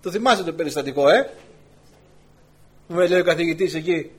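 A man preaching a sermon to his congregation, telling a lively personal story as he goes. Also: breathy edge. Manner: animated storytelling, voice climbing high when excited. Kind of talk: sermon with anecdote.

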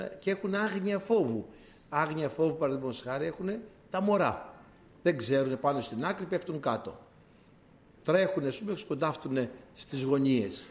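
A male preacher delivering a sermon, telling stories in an animated way and addressing his listeners as dear brothers. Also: a little high.

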